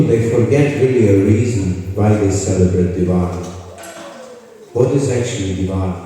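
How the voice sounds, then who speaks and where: A mellow, lowish male voice belongs to a Croatian spiritual speaker and kirtan leader. He talks informally to a live audience in a large indoor hall, putting questions to them, and the echoey recording places him far from the mic.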